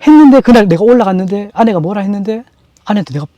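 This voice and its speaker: A man giving an emotional personal testimony in an interview, earnest and halting, often restarting his sentences. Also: high voice, animated, dark tone, dry recording, lo-fi sound. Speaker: franchise store owner.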